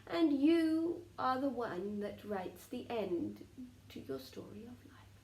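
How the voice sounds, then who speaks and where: A woman speaks as a channelling medium in a seance, solemn and formal. Her voice sits a little high and moves very slowly, with deliberate pauses. The room adds clear echo around her oracular phrasing. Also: animated, darkish tone. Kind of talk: trance channelling, like a seance medium delivering spiritual messages. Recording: roomy echo with faint background noise.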